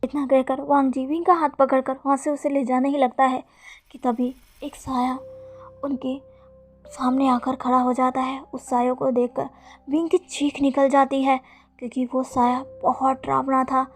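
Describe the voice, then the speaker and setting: High-voiced woman reading a story. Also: little pitch movement, moderate pace. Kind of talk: reading out fan fiction. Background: faint background music.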